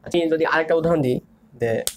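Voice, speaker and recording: A man's voice: fairly high pitch, a little fast, slight background noise. A young man teaching an online grammar lesson, repeating key terms and asking and answering his own questions. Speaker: grammar instructor.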